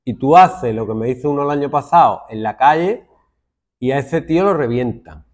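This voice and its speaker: A man's voice: medium pitch, normal speed. A male secondary school teacher with a Spanish accent from Spain, lecturing his class and mimicking his students' complaints. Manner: lively, lecturing, acts out students' complaints in mocking voices.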